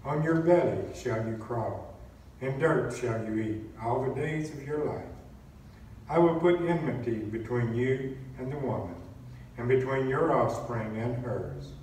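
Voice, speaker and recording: Lector, male, mid-pitched, measured formal reading; cathedral echo, heard from across the church. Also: darkish tone. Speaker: lector and cantor. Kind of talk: liturgical reading and chanted psalm. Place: large church. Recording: echoey church, distant mic, faint noise.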